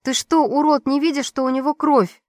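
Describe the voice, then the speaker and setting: A woman voicing a young female prisoner who pleads and shouts in an audiobook. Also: a little high, brisk, no room sound, studio quality, voice pushed up, lightly acted. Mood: defiant.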